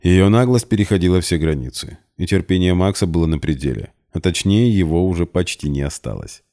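Male audiobook narrator, low and dark, even unhurried storytelling. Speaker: audiobook reader. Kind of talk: scripted narration.

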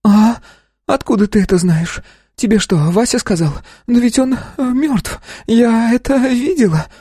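Scared jittery young woman done by a guy reading an audiobook, way up high, husky, pitch flying all over, dry close sound. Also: measured pace, warm tone, no echo, exaggerated voice. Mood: frightened. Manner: pleading, panicky chatter. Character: frightened young woman witness, jittery and defiant. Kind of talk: audiobook character voice.

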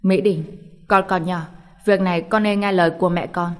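A woman's voice: on the low side, fairly even intonation, moderate pace, lightly acted. A woman voicing a doting, anxious middle-aged father who talks in an urgent, reassuring way.

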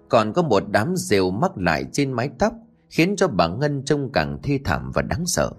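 A man narrating a scripted horror story in a lively, expressive way. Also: medium pitch, husky.

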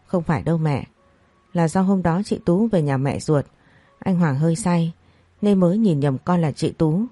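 A young daughter begs her mother for forgiveness in a low, mellow voice, as a woman storyteller plays her. The recording is dry and close. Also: normal speed, no echo, soft background music, natural voice. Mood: pleading. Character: pleading pregnant young daughter.

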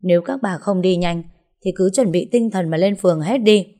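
A woman's voice: on the low side, moderate pace, mellow, close to an everyday voice. A woman narrator voicing a young woman who pretends to be stern to break up a fight. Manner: firm, mock-stern. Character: young woman storyteller stepping in, feigning authority. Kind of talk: audiobook story reading.

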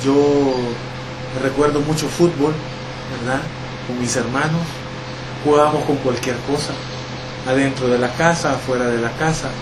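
A middle-aged man from El Salvador, answering interview questions in a reflective, relaxed way with many pauses and fillers. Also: medium pitch, noisy background.

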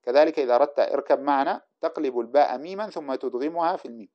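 A man teaching a classroom lecture, reading a grammar text aloud and explaining it line by line in a brisk, explanatory way. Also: medium pitch. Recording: dull lo-fi recording.

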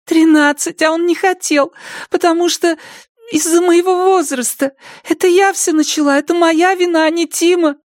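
A man voicing a frightened, tearful young woman in an audiobook, shrill and pleading. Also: fairly even intonation, normal speed, no room sound, studio quality. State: crying. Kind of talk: audiobook character reading.

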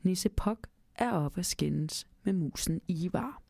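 A woman reading a Christmas storybook aloud and talking gently to the listener, then chatting casually. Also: lowish voice, creaky, noisy background. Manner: gentle, speaks to the listener directly. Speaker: storyteller and podcast host.

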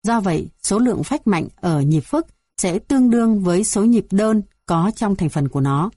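This clip is a woman narrating a music theory textbook, proceeding evenly from one numbered item to the next. Her mellow, warm voice sits at a medium pitch and has a husky edge. It was recorded close up and dry, with no room sound.

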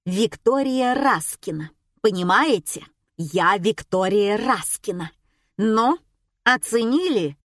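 A woman voicing a loud, crude, self-important middle-aged woman diner who talks down to everyone. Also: medium pitch, lively intonation, slow pace, no room sound, clean studio sound. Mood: haughty. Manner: brash, crude, haughty.

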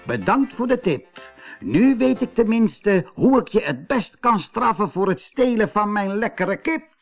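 A man's voice: high voice, big pitch swings, unhurried, gravelly, faint music behind, voice pushed up, exaggerated voice. A man voicing a vengeful, scheming male fox in a storybook, sneering and gloating.

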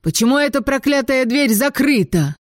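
A woman voicing a gruff, angry grown-man gardener who grumbles and barks orders in a storybook reading. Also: on the high side, animated, measured pace, no echo, clean studio sound, voice pushed up. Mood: grumbling.

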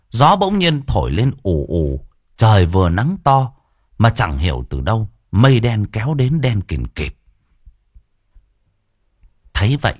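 Husky expressive male storyteller. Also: mid-range voice, no echo, clean studio sound. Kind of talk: scripted audiobook narration.

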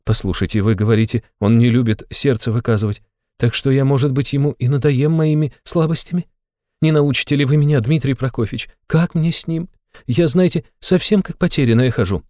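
A man reading an audiobook, voicing a flustered, tearful aging mother in a high, breathless voice. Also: darkish tone, no room sound, studio quality, natural voice. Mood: anxious. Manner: breathless, rushed, exclamatory.

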